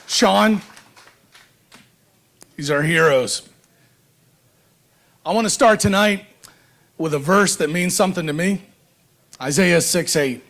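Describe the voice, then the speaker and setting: An American man, a veteran, delivers a solemn, emphatic podium speech with deliberate rhetorical phrasing. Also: high-pitched, fairly bright tone. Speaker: veteran giving a speech at a rally. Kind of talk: podium speech, public oratory.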